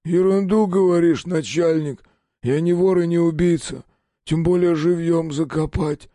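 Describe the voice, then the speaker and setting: A man voicing a frightened drunk peasant witness in an audiobook, with rough, folksy common speech. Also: fairly high pitch, steady tone, a little slow, mellow, dry recording, voice pushed up, close to an everyday voice. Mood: wary. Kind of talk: audiobook character voice.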